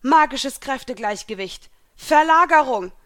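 A woman's voice: medium pitch, normal speed, natural voice. A woman doing a cold, formal scale-bearing spirit.

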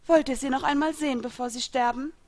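A woman reading a cold, mocking young female mage of a dark guild in a fan audiobook. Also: fairly high pitch, lively intonation, a little slow. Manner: taunting, with an icy laugh.

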